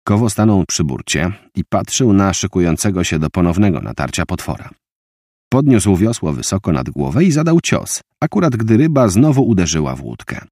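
Deep-voiced man reading an audiobook. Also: normal speed, dry recording, clean studio sound. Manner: vivid, expressive reading. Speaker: audiobook narrator. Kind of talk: scripted audiobook narration.

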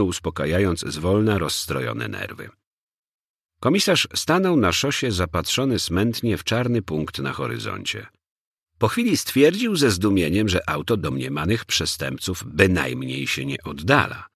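A man narrating a crime novel in an expressive, dramatic storytelling manner. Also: low voice, normal speed, gravelly, husky, no room sound, clean studio sound. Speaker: audiobook narrator.

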